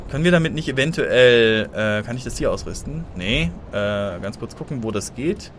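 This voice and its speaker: A man commentating a blind let's play, excitable and easily startled, chatting to viewers and making little sound effects as he plays. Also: medium pitch, moderate pace, slight background noise.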